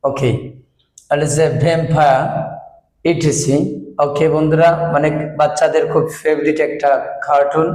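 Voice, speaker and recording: A man's voice: a little high, little pitch movement, moderate pace, a little mellow. A man teaching English pronunciation in a lecture, repeating each example word as he drills the sounds. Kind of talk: classroom lecture. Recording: echoey room.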